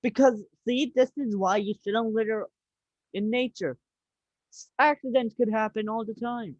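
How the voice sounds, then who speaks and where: Casual reaction host, mid pitch, dry dull lo-fi recording. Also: moderate pace, dry recording. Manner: chatty, exclaiming.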